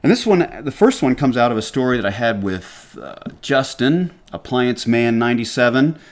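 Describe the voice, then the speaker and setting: A middle-aged man with a Southern lilt hosts a casual trade radio show. His voice sits at an ordinary pitch. He talks emphatically and lectures his listeners, often restarting sentences mid-thought. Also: big pitch swings, normal speed. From Atlanta, Georgia, US. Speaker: podcast host.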